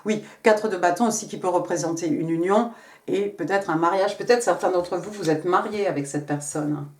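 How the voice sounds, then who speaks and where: A woman's voice: on the low side, moderate pace. A woman giving a casual tarot reading to camera, chatty and full of fillers, speaking directly to her viewers. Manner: chatty, many fillers and hein. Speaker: tarot reader. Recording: echoey room.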